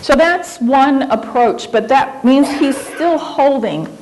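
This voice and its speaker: A woman with a somewhat high voice lectures from a stage in an auditorium. She speaks reflectively and conversationally, pausing and rephrasing as she searches for the right words. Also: animated, darkish tone, slight background noise, poor audio. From Japan. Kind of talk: conference lecture.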